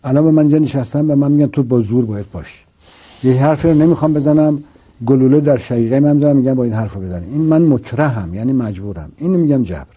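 A man with a mid-range, dark voice and a breathy edge explains a philosophical argument like a teacher. He drives his points home with rhetorical questions and repetition, and the recording sounds lo-fi.

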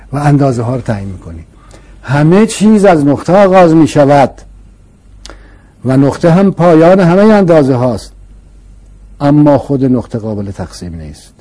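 A man's voice: medium pitch, warm tone, breathy edge. A man explaining philosophical ideas to an interviewer in a patient, emphatic way, with rhetorical questions and repetition. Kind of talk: explanatory conversational lecture.

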